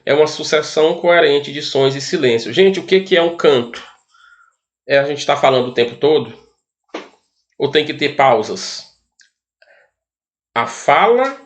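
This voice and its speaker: Brazilian man, arts teacher, voice sits a bit high, walks students through the lesson with rhetorical questions and tag questions. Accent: Brazilian Portuguese. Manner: explanatory, asks rhetorical questions, frequent tag questions. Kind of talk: recorded classroom lesson.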